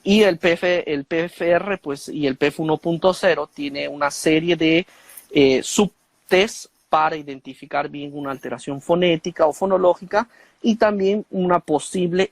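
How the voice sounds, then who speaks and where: A man's voice: medium pitch, no echo. Dry-voiced man explaining at length. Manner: didactic, with frequent fillers and tag questions. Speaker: guest expert on speech disorders. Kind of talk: explanatory conversation.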